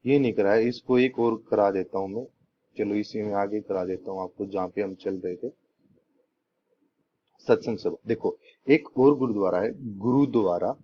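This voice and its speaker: A man's voice: on the low side, normal speed. A young man, teaching an exam-prep lesson with memory tricks, repeating points and asking rhetorical questions before answering them. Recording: dull lo-fi recording with faint noise.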